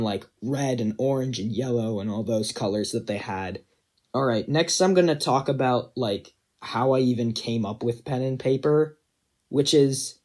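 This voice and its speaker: A man's voice: mid-range voice, darkish tone. A young man giving casual, self-deprecating commentary on his own animation project, rambling with many fillers.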